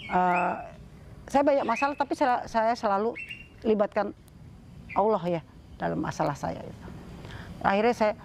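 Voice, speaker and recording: A woman's voice: mid-range voice, normal speed, pauses often, slight background noise. A middle-aged woman telling her personal story in a casual interview, chatty, with many fillers and restarts, acting out the conversations.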